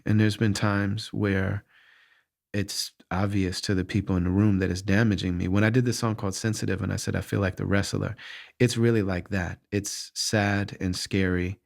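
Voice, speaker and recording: Here a middle-aged man on his podcast takes listener questions and opens up about tough moments. His low-pitched voice has vocal fry and little pitch movement at a normal speed, and his earnest monologue keeps restarting as he gropes for words.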